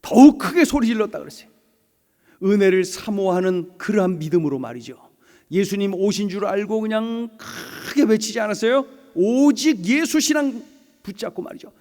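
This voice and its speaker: A man with a rather high voice delivers a Sunday sermon in a church sanctuary. He is emphatic and repetitive and leads his listeners in call-and-response. The sound carries a long, ringing reverb. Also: animated, normal speed, darkish tone. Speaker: pastor.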